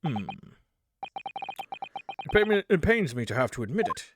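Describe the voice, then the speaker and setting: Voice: mid-range voice, very animated, a little slow. A game player voicing a humble, troubled older male professor, speaking formally and hesitantly. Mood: contrite, grave. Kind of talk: video game dialogue read aloud in character. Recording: game music behind the voice.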